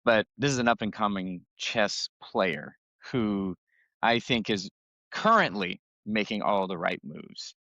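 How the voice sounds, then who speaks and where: A man's voice: lowish voice, expressive, a little slow, pushed and bright, no room sound, highs cut off. A man co-hosting a podcast, chatting casually and jokingly, at times reading notes aloud. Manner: laid-back, jokey, reads notes aloud. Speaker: podcast co-host. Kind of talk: casual chat.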